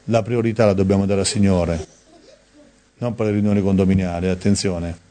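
A man preaching a sermon in a conversational way, reading scripture aloud and stressing key words with sudden high emphasis. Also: fairly even intonation, a little fast, warm tone.

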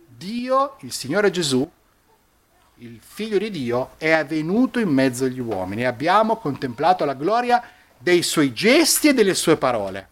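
Animated male preacher, lively pitch. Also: normal speed. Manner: animated, emphatic preaching with dramatic pitch swings. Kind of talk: sermon.

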